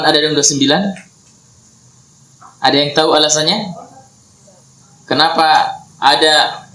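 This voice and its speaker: A man's voice: a little high, a bit bright. A man teaching a tajwid lesson on Quran recitation, patiently repeating points and quizzing his listeners. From Indonesia. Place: study hall at an Islamic boarding school. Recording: roomy echo.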